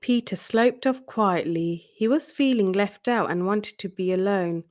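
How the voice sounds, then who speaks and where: Here a woman reads aloud from a storybook for children. She sounds mid-range in pitch and delivers the words with deliberate expression.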